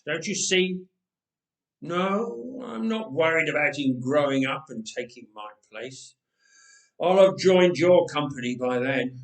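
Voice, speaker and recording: A man acts out a wicked old storybook king, paranoid and ruthless. He broods and declares with theatrical force, in a fairly high male voice that rings in an echoing room. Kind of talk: dramatic storybook reading. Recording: roomy echoing voice recording.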